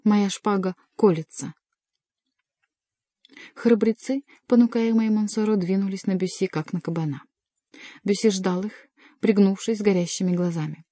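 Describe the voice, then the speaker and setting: Woman reading an audiobook, mellow darkish voice, dry close sound. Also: medium pitch, steady tone, moderate pace, no room sound. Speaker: audiobook reader. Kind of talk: scripted narration.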